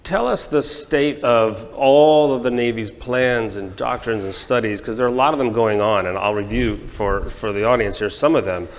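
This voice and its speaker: A man interviewing a guest in a chatty, joking way with quick asides. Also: mid-range voice. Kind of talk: conversational interview questions. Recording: long hall reverb.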